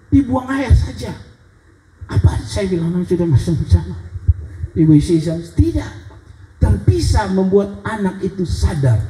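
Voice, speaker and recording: A male pastor preaching a sermon in a lively, animated style, with wide swings in his delivery. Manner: animated preaching with big pitch swings and acted child cries. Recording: echoey church hall.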